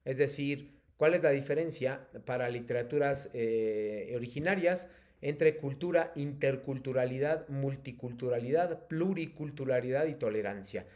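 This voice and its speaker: A male teacher with a Mexican accent gives a patient, explanatory online lesson, pausing often on fillers. His voice is mellow and warm, at an ordinary pitch, over a computer mic. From State of Mexico. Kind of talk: online class lecture.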